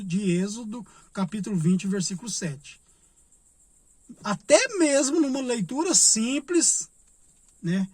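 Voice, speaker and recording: High-voiced man teaching Bible study. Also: darkish tone, no room sound. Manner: explains slowly, repeats points, asks and answers his own questions. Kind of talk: informal Bible study lesson.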